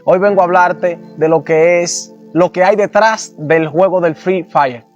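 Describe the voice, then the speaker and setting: A man from the Republic, giving an earnest, somewhat halting personal testimony. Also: sits high, fairly even intonation, dull audio, faint music behind. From Dominican Republic. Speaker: testimony giver.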